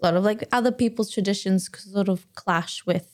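A woman's voice: medium pitch, normal speed. Woman hosting a podcast, easy laugh. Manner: laughs easily, with frequent encouraging backchannels. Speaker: podcast host. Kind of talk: casual podcast interview.

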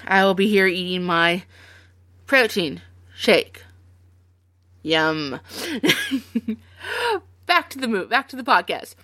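A woman's voice: medium pitch, big pitch swings, slow pace, long pauses, a bit bright, no echo. A woman hosting a podcast in casual chat, chatty and rambling with frequent laughs. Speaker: podcast host.

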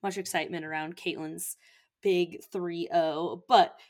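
A young woman co-hosting a podcast in casual chat, chatty and bubbly, with animated asides. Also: lowish voice, measured pace. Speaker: podcast co-host.

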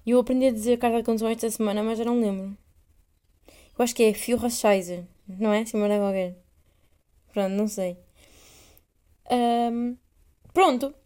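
A woman's voice: fairly high pitch, fairly even intonation, moderate pace, long pauses, warm tone. A young woman with a European Portuguese accent, hosting a casual solo podcast, rambling, swearing freely and poking fun at herself. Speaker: podcast host.

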